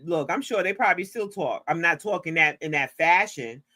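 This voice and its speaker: A woman chatting casually on a stream, telling a personal story with lively acted-out quotes. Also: on the low side, fairly quick. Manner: animated storyteller, acts out quotes. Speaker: co-host. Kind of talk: casual gossip chat.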